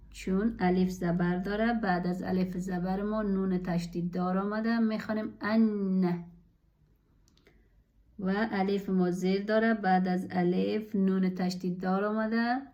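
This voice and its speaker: A woman's voice: medium pitch, mellow. A woman teaching Quran reading, patiently drilling each sound three times in a recitation lesson. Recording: dull lo-fi recording.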